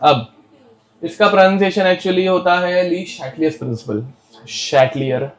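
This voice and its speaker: A man's voice: high voice, moderate pace. A young Indian man with an Indian English accent teaching chemistry to a class, scolding talkers and dictating notes word by word. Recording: echoey classroom.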